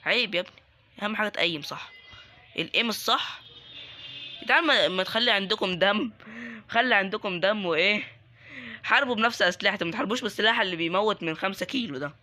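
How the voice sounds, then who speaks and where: Young man, Egyptian Arabic accent, gaming commentary, teasing, quick talker, high voice. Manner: excitable, joking, taunting other players. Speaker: gaming YouTuber. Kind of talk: live Roblox gameplay commentary.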